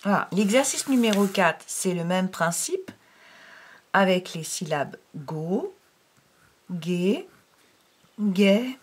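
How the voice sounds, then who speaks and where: A woman with a slightly low voice gives a recorded reading lesson to young children. She speaks slowly and patiently, spelling out each syllable with care. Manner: patient, explaining step by step; slow, careful enunciation of syllables. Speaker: primary school teacher.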